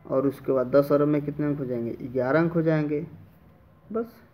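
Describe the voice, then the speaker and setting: A man's voice: a little high, normal speed. A man teaching children how to read large numbers, asking questions and answering them himself. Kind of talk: classroom math lesson for children. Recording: dull lo-fi audio.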